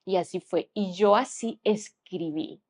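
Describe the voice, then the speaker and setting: A young woman giving an earnest personal testimony as a podcast guest, often dropping to a hushed tone. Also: mid-range voice, unhurried.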